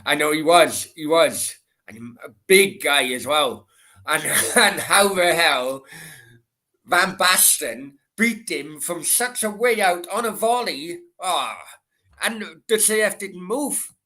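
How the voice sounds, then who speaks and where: A man's voice: fairly high pitch, expressive, takes it slowly, sharp tone. A middle-aged man with a Welsh Valleys accent, chatting casually as a livestream host in a sweary, rambling, repetitive way. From Merthyr, south Wales. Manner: sweary, rambling, repeats himself. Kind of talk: casual late-night football Q and A chat.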